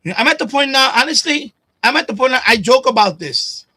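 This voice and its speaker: A man in his late fifties vents to his livestream audience in a high, bright voice, swearing freely and circling back to the same lines. He talks close into a desk microphone at home, and the sound is dry, with almost no room echo. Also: expressive, fast talker, slightly rough. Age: 50s. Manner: rambling, profane, repeats phrases, voice rises when upset. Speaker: livestream host. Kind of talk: emotional personal rant. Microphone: desk USB condenser microphone.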